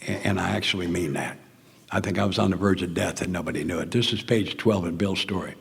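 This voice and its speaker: Gravelly older Southern man in a hall. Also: low-pitched, fast talker. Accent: Southern American. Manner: earnest, plainspoken storytelling, often dropping to a near whisper. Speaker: speaker at a recovery meeting. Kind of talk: personal talk at a recovery meeting.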